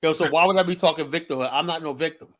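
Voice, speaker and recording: A man's voice: a little high, rapid-fire, a bit bright. A man hosting a live stream, talking bluntly and profanely, arguing, with many "you know" fillers. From United States. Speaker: host. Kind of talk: combative live-stream commentary.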